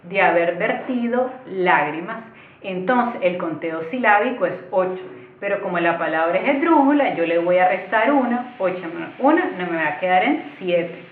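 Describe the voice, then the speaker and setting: A woman's voice: fairly low pitch, lively intonation, moderate pace. A woman teaching an online lesson, explaining step by step in a patient way and speaking directly to her viewers. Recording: echoey room, tinny phone-like sound.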